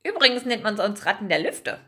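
A woman voicing two mocking female seagulls that talk fast and keep giggling. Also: very animated, pushed and bright. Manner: shrill, giggling, fast teasing.

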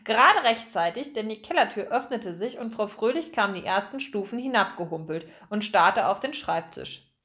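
A woman narrating a children's audiobook in a calm, even storytelling manner. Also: mid-range voice, normal speed.

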